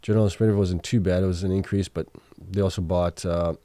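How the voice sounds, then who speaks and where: Talking fast in a low, dark, steady voice, a livestream host reviews financial results late at night and reads out viewer chat questions. He reasons aloud, full of fillers and self-corrections, while his voice begins to give out. The audio has no echo.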